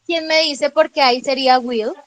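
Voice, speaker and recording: A woman's voice: high-pitched, fairly even intonation, normal speed, no echo, poor audio. A woman teacher explaining grammar in an online class, patiently checking understanding with frequent questions and calling on students by name. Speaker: English teacher.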